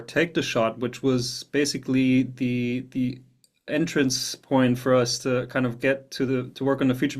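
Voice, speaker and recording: A man from Germany who works as a film composer, answering interview questions thoughtfully and often repeating words as he searches for phrasing. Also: mid-range voice.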